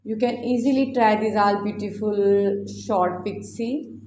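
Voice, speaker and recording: Mellow woman in an echoey room. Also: medium pitch, fairly even intonation, unhurried. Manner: effusive, repetitive. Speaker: YouTube host. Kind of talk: casual scripted-style video voice-over with repeated phrases. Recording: roomy echo, faint background noise.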